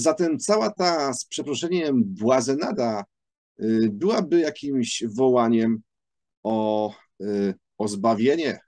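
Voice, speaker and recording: A man gives a spoken book review at a very slow, careful pace. He keeps stopping to hunt for words, filling the gaps with long hesitation sounds. His voice sits at an ordinary middle pitch, recorded dry and close with no room echo. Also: darkish tone. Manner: halting, many drawn-out "y" fillers, thoughtful.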